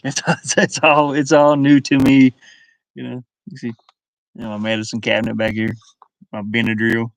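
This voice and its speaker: A middle-aged man hosts a livestream from inside a van, chatting casually with viewers while rambling and muttering to himself in short, broken phrases. His mid-range voice is flat and carries vocal fry, at a normal speed with long pauses. The webcam recording is low quality, with no room sound.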